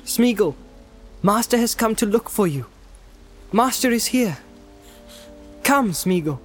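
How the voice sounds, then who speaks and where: Man voicing Frodo, high-pitched earnest hobbit. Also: lively intonation, slow pace, faint music behind. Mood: coaxing. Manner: pleading, coaxing, firm. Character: Frodo, earnest, pitying young male hobbit, gently commanding. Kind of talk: audiobook character voice.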